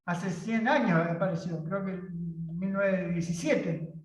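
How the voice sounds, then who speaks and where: A man's voice: high-pitched, unhurried. A man with an Argentine accent, a guest speaker explaining things conversationally and addressing his listeners directly. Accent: Argentine Spanish. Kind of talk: lecturing conversationally. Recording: roomy, distant, dull sound.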